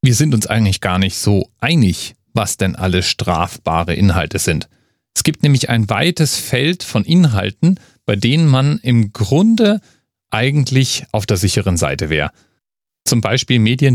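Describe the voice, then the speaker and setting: The host of an online commentary speaks straight to the listener in a fairly low voice, offering conversational but emphatic opinions sprinkled with rhetorical questions. The studio sound is clean, with no echo.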